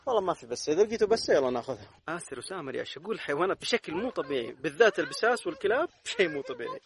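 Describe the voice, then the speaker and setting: Lively fast-talking man with a Gulf accent. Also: on the high side. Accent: Gulf Arabic. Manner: playful, coaxing, animated. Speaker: vlogger. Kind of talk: casual talk to small children. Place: outdoor playground by a hill.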